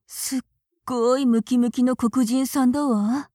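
A woman's voice: high voice, fairly even intonation, unhurried, warm tone, no echo, clean studio sound. A woman acting as a naive, polite young woman who hesitates and stammers when flustered, in an audio drama.

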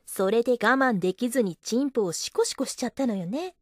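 A coy, teasing young office wife, acted by a woman in an adult audio drama. Her voice sits high and swoops up and down constantly. The sound is dry and close. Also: expressive, quick pace, no echo. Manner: teasing and coy, giggling often. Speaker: voice actress.

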